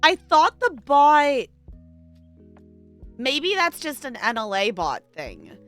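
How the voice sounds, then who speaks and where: A livestream host with a high, sing-song voice speaks slowly, chatting casually with viewers and rambling as she thinks aloud. There is no room sound, just faint music behind her.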